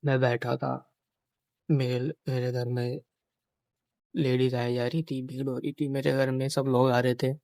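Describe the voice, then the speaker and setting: In a storytelling vlog, a young man relives a painful memory in mourning, circling back to the same phrases and voicing what others said. His medium-pitched, darkish voice is flat and unhurried, with frequent pauses and no room sound.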